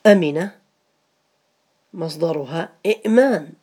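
A man's voice: on the high side, measured pace, darkish tone. A man teaching a grammar lesson to students, patiently repeating each rule and asking them questions.

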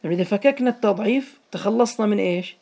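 A man's voice: high voice, very fast, creaky, a little mellow. A man leads a grammar lesson, calling on his students by name and repeating each point so it sticks. He blesses his students whenever they answer. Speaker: Arabic grammar teacher. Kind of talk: classroom lesson.

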